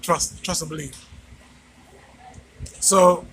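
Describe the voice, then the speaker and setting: A fairly high-pitched, a bit bright man's voice holds a steady tone and takes it slowly, on poor audio with a little hiss or hum. He's a vlogger and channel host on a street at night, offering viewers an informal motivational monologue with emphatic, preacher-like delivery and rhetorical repetition.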